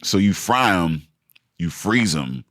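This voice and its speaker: A man's voice: deep voice, big pitch swings, slow, fairly bright tone, dry recording, clean studio sound. A man co-hosting a podcast, chatting casually, laughing often and swearing freely. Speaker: podcast co-host.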